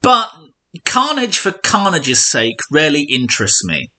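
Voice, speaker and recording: A man's voice: fairly high pitch, wildly swooping pitch, a little slow, sharp tone. A man narrating a scripted film video essay in a sardonic tone, with mock-posh asides. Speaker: YouTube film analyst.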